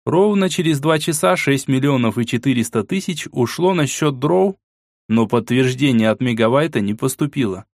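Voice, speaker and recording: A man's voice: medium pitch, animated, normal speed, dry recording, clean studio sound. Male narrator reading a dramatic audiobook. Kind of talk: scripted narration.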